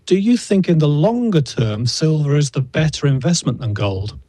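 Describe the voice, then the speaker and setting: Mellow-voiced male interviewer. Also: a little high, animated, no room sound. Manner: measured, leading questions. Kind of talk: interview questions.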